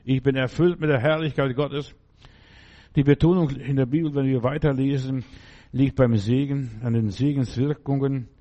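A man's voice: mid-range voice, fairly even intonation, normal speed, mellow. A male preacher giving a sermon, repeating affirmations and often checking whether the listener understands. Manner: repeats affirmations and keeps asking the listener "verstehst du". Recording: dull lo-fi recording.

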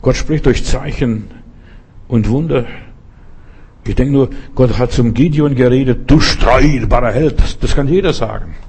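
Husky, mellow-voiced preacher man. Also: medium pitch, a little slow, pauses often. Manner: earnest, direct, addresses listener as du. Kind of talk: sermon.

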